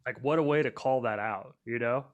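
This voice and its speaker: A man's voice: mid-range voice, moderate pace, highs cut off. A young man co-hosting a casual podcast, rambling with lots of fillers and restarts. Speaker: podcast co-host.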